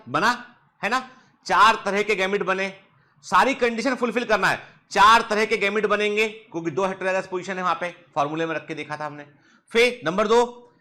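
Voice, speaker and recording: A man teaches biology in an online lecture, his high voice pushed and bright, recorded close up on a touchscreen device. He drills students with repeated questions and scolds them playfully.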